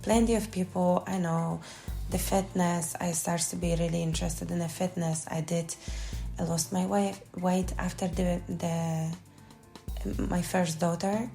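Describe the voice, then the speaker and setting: Woman podcast coach, lowish warm voice, halting unscripted talk full of fillers. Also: fairly even intonation, creaky, soft background music. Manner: halting, restarts words, many "you know" fillers. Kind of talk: unscripted personal podcast monologue.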